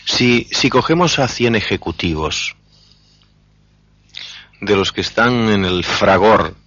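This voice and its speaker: Deep, husky interviewer, calm, asks short questions. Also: male voice, slow pace, no room sound, dull audio.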